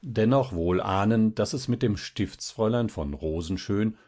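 Man reading an old fairy tale aloud, deep-set, measured and husky. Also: a little mellow. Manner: measured, storytelling delivery. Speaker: narrator. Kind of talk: audiobook reading of a classic tale.

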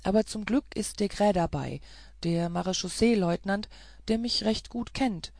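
A shaken, honest manservant from a storybook, pouring out his worry in an agitated voice, as a woman narrator plays him. The tone has a gravelly texture and a dry, close sound. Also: mid-range voice, moderate pace, a little mellow, no room sound, close to an everyday voice. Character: frightened, honest male house servant.

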